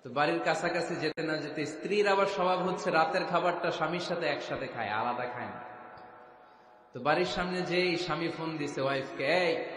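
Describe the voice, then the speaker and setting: A man's voice: on the high side, brisk, a bit bright. Scolding man preaching through echoing speakers. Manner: scolding the crowd, call-and-response questions. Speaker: Islamic preacher. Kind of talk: sermon. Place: large religious gathering. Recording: echoey public-address sound in a large venue.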